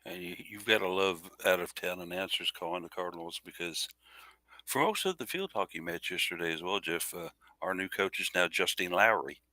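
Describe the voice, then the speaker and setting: A man's voice: sits low, brisk, no room sound. A man co-hosting a sports podcast, recapping a volleyball match in casual chat. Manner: lively play-by-play recap. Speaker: podcast co-host.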